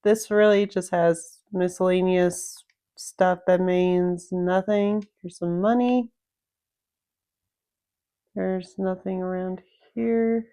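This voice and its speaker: A woman's voice: fairly low pitch, steady tone, takes it slowly, dark tone, clean tone. A woman casually talking through a video game, explaining each step and thinking aloud as she plays. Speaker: gameplay commentator. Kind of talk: casual game walkthrough commentary.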